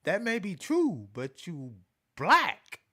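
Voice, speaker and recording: A man hosting an animated commentary rant, repeating himself emphatically with profanity and mocking asides. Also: high-pitched, slow. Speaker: show host.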